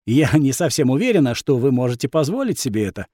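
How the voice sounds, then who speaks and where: A man reading the lines of a smooth, flirtatious middle-aged brothel madam, polite but firm. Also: mid-range voice, sing-song, fast talker, warm tone, no echo, clean studio sound. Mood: coaxing. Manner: coaxing, polite, firm when needed.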